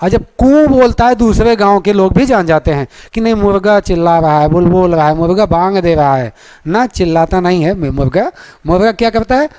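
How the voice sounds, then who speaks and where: Male teacher, high pitch, lecture delivery, poses questions and answers them himself. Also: a little fast, a little mellow, smooth. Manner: draws out vowel sounds to demonstrate them. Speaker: Sanskrit grammar teacher. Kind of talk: classroom-style lecture.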